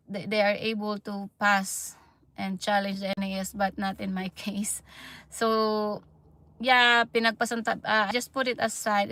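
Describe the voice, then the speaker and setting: With a gravelly, slightly bright mid-range voice on a dry recording, a woman in her thirties from the Philippines chats on a livestream in a Filipino accent. She stops and starts, uses lots of fillers and laughs often.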